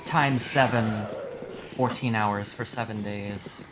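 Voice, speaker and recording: Groggy, slow-talking male game streamer. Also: on the low side, steady tone, heavy background noise. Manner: informal, sweary, explains as they play. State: groggy, just woke up. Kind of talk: casual live game commentary.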